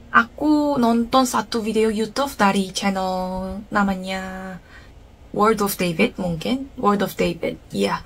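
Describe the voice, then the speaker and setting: A young woman chats casually to camera in Indonesian, which she speaks as a foreign learner. Her mid-pitched voice is noticeably creaky, and she sounds a little self-conscious, confirming her own words as she goes. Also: a bit bright. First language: not Indonesian, a foreign learner. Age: young adult. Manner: self-conscious, repeats small filler confirmations. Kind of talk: casual vlog talk to camera.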